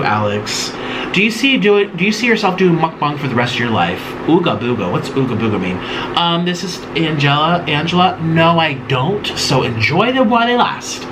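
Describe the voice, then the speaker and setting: Man, late twenties, casual eating-video chat, rambling and giggly, slightly high voice, clear air-conditioner hum behind. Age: late 20s. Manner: rambling, chatty, giggly, lots of ums. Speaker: mukbang host. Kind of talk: casual chat answering viewer questions while eating.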